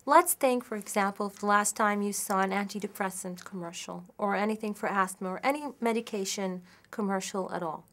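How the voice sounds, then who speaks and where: Woman, marketing lecturer, expert explanation, measured, methodical, example-driven, mid-pitched. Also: a bit bright. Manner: occasional restarts and self-corrections.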